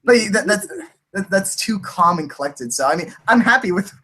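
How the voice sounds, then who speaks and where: A man's voice: high voice, lively intonation, moderate pace, pushed and bright. A man who voices cartoon characters, talking casually and laughing often, restarting sentences as he rambles. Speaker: voice actor. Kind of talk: casual podcast chat.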